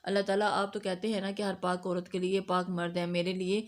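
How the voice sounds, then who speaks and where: A frightened young woman pleads and makes defiant threats, read by a woman narrator. She speaks in an even, narrow-toned voice in an audiobook romance. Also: lowish voice, lightly acted. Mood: pleading prayer.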